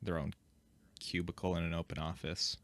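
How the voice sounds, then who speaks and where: Low-voiced man in relaxed podcast conversation. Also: moderate pace, no echo. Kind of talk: casual chat.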